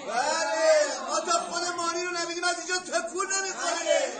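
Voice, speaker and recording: An actor playing a pushy male reporter who shouts accusations from a crowd. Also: very high-pitched, steady tone. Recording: echoey with loud crowd.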